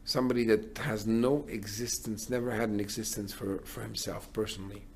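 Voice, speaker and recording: A man's voice: lowish voice, fairly even intonation, a little fast, a little mellow, husky. A middle-aged man, a rabbi, giving a sermon in an earnest way, building to emphatic declarations.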